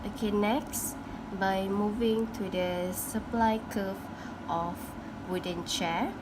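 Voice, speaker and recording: A young woman student explains a graph for a class presentation, speaking slowly and stopping to restart her phrases. She is recorded on a phone with clear background hum and noise. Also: medium pitch, steady tone. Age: young adult.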